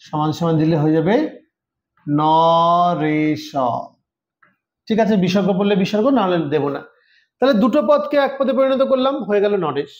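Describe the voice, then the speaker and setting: Male tutor, higher-pitched voice, patient step-by-step explainer, recorded in a reverberant room. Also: lo-fi sound. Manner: explains step by step, often checks understanding. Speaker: Sanskrit teacher for exam preparation. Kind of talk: online lesson. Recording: roomy echo.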